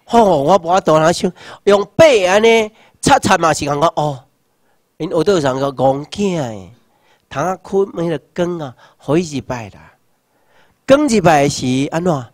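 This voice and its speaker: A Taiwanese man in his sixties gives a rousing political lecture. He asks rhetorical questions and shouts slogans. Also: fairly high pitch, expressive, normal speed, no echo, studio quality. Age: 60s. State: numb hands and feet. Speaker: seminar lecturer.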